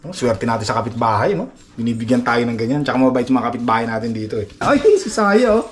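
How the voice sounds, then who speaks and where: A man's voice: mid-range voice, racing. A man from the Philippines, chatting to his viewers in a playful, boastful, joking way, often breaking into laughter. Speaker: vlogger. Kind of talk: casual home vlog chat. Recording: faint background noise.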